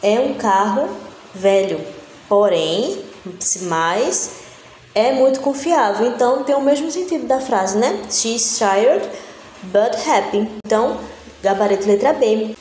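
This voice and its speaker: A young woman from Brazil teaching an exam-prep English lesson, explaining step by step and ending phrase after phrase with a quick "né?". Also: fairly high pitch, lively intonation, a little mellow. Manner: explains step by step, tags nearly every phrase with "né?". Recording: echoey room with faint background noise.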